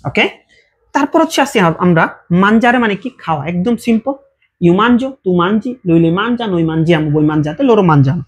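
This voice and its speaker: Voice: mid-range voice, animated, fast talker, slightly rough. A teacher giving a casual language lesson, explaining verb forms patiently with repeated examples and check questions.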